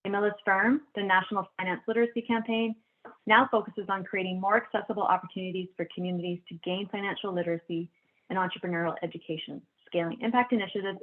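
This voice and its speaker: Fast-talking woman host on a phone line. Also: fairly low pitch. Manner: upbeat and brisk. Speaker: moderator. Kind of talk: hosting a panel.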